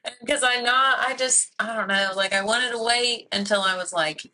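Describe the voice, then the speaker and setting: A woman in her twenties, a podcast guest, telling a personal story in a rambling, animated way full of "like". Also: on the high side, moderate pace, a little hiss or hum, rough recording. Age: 20s. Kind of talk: casual chat.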